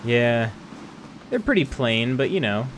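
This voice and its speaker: Male streamer, laid-back, chuckling, slow talker, faint noise behind. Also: mid-range voice, big pitch swings. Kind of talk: casual game commentary.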